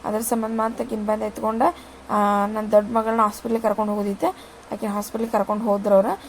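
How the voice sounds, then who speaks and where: A woman's voice: medium pitch, monotone, fast talker, a little hiss or hum, low-quality recording. A woman, chatting casually to viewers as she cooks in her home kitchen. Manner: chatty, rambling, addresses viewers with "ri". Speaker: vlogger. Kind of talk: casual cooking narration.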